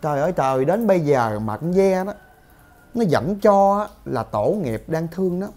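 A woman's voice: sits low, lively intonation, moderate pace, warm tone. A woman, ranting in commentary to her viewers, indignant and full of exclamations. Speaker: gossip commentator.

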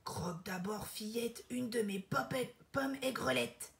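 A woman voicing an old apple tree in a storybook, slow, low and coaxing. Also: creaky.

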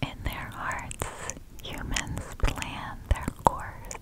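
Female ASMR reader, cupped-hand whisper, breathy and close-miked, extremely slow and deliberate phrasing. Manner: slow, deliberate phrasing with long pauses, words sometimes repeated. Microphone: close microphone with hands cupped around it.

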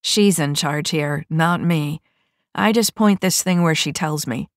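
A woman's voice: low voice, a little slow, no room sound. A woman voicing a seasoned female mech soldier who talks in a dry, matter-of-fact way, in an audiobook. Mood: wry.

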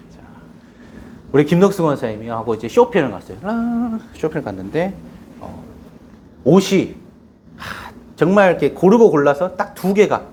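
A man's voice: fairly high pitch, slight background noise. A male pastor preaching a sermon in a church, telling stories animatedly and acting out quotes. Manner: animated storytelling with acted quotes.

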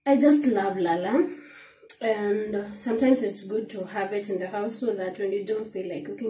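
A woman's voice: medium pitch, mellow, recorded from a distance. A young Kenyan woman in her twenties with a Kenyan accent, chatting casually at home about her grocery haul, repeating words and dropping in Swahili phrases. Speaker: vlogger. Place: small room at home, indoors. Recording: echoey room, a little off-mic, faint noise.

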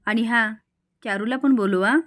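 A woman's voice: on the high side, fairly even intonation, a little slow, a bit bright, dry recording, studio quality. A woman voicing an affectionate, motherly middle-aged woman in a storybook recap.

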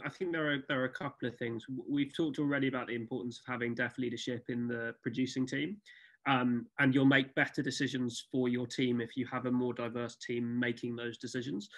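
A man theatre producer on a video call, speaking thoughtfully with frequent ums on a panel. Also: medium pitch. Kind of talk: panel discussion.

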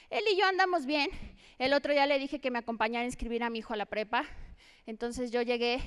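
A woman's voice: sits high, pushed and bright. A woman, telling a brash, swearing stand-up set on stage. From Mexico. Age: 30s. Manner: brash, swearing, punchy storytelling. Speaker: stand-up comedian. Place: comedy stage before a laughing audience.

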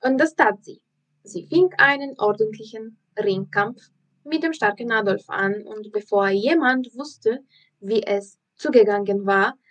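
A woman, a language teacher, narrating a children's audiobook in a careful, expressive reading. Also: medium pitch.

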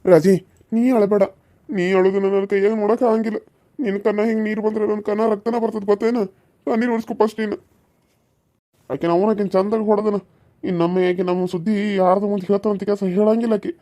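A man's voice: high-pitched, little pitch movement, fast talker, lightly acted. A man playing a cruel cartoon husband. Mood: coaxing. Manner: snarling threats, then softly coaxing to his lover. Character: menacing cruel husband, threatens his pregnant wife. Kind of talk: cartoon serial voice acting.

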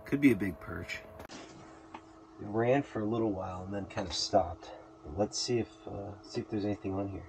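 A man's voice: on the low side, moderate pace, gravelly, noisy background. A man filming himself ice fishing inside a small shelter, talking casually to the camera and to the fish he pulls up. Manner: relaxed, talks to the fish, drops to a hushed whisper when excited. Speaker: outdoor vlogger. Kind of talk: casual solo fishing commentary.

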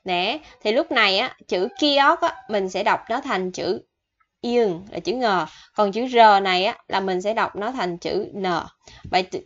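A woman teaching a vocabulary lesson, repeating each word slowly and then explaining it in a chatty way. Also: medium pitch. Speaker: Korean language teacher. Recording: dull lo-fi recording.

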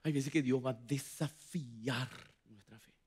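A man preaching a sermon as pastor, dramatic, acting out quoted voices with big swings from loud to hushed. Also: mid-range voice, unhurried, slightly rough. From Paraguay. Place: church hall.

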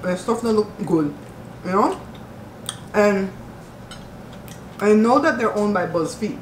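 A woman's voice: mid-range voice, slow pace, recorded from a distance. A woman chats loosely while chewing, her words a little muffled by food. Her voice sits in a mid range and sounds set back from the mic in an echoey home room. A faint hiss of ambience runs under her. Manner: chatty, rambling and conversational. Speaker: mukbang host. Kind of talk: casual chat while eating on camera. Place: at home at the table. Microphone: camera set up some distance away.

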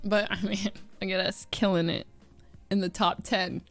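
A woman's voice: mid-range voice, level tone, a little slow, creaky, faint music behind. A woman livestreamer giving casual reaction commentary over livestream headset audio, giggling as she reads names aloud. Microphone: headset mic.

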